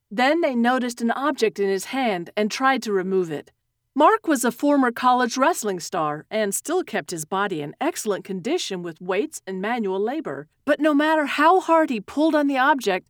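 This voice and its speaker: A woman narrating a story in a steady, expressive reading that slows at tense moments. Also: a little high, dry recording, studio quality.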